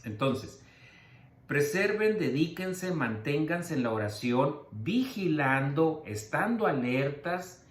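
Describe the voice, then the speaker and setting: A male pastor giving a Bible-study sermon, teaching in a steady way and slowing down to spell out and repeat key words. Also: on the high side, echoey room. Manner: teacherly, slow emphatic word-by-word explanations. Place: church.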